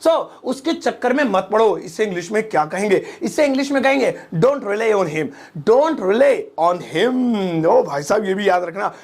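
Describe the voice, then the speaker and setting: A young man with a gravelly, slightly creaky voice leads a casual English lesson. He talks in a chatty, joking way and slips into little family scenes to make his point. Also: high-pitched, animated, normal speed, few pauses. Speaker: English teacher.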